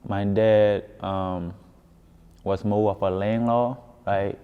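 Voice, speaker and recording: Speaking slowly with fairly even intonation, this man's lowish voice comes across smooth. He is a musician from Ghana being interviewed casually about his story, repeating words for emphasis in his Ghanaian accent. The recording, made in an echoey hall, sounds dull and muffled.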